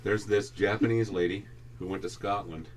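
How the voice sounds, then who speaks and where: A man co-hosting a podcast, chatting casually and telling wry, expressive stories. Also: lowish voice, normal speed. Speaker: podcast co-host. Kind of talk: casual chat.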